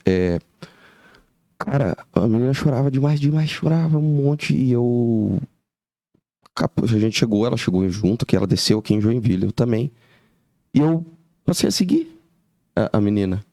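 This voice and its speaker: A man, hosting a podcast, telling an emotional story in casual talk with halting restarts and fillers. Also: fairly low pitch, mellow, no echo.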